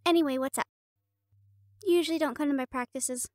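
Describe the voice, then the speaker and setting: Here the woman plays the same young catgirl cheerleader captain for a scripted audio roleplay, high and girlish, sharp-tongued and sassy with a bossy mean-girl edge. This time she sounds teasing, talks fairly quickly and stays close to an everyday voice, in a dry recording with no echo.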